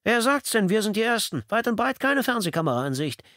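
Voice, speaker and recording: Excitable young press photographer voiced by a man, eager, pushy, high-pitched, dry audiobook recording. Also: fairly quick, no echo, exaggerated voice. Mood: excited. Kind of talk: audiobook character voice.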